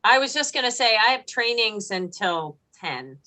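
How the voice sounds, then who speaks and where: A woman in a committee meeting, brisk and matter-of-fact. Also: fairly high pitch, sing-song, pushed and bright. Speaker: crop advisor trainer. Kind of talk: meeting discussion.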